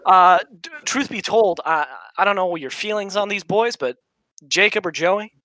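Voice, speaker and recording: A man's voice: sits high, moderate pace, sharp tone, no echo. A man from South America, a podcast guest, chatting casually and teasing the hosts with frequent laughter. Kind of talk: casual chat.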